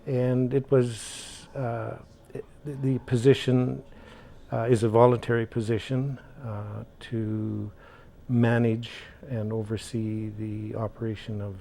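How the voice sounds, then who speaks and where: A man who sits on a housing board, answering slowly with many "uh" pauses. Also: mid-range voice, little pitch movement, vocal fry, dark tone. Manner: slow and deliberate, many "uh" pauses. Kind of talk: interview answers. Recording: faint background noise.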